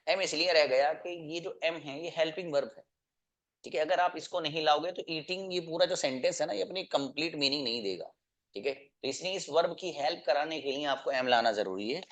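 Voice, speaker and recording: A man's voice: a little high, fairly quick, fairly bright tone. A male teacher gives an online lesson. He explains each point patiently, repeats it, and keeps putting questions to the class. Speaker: English teacher.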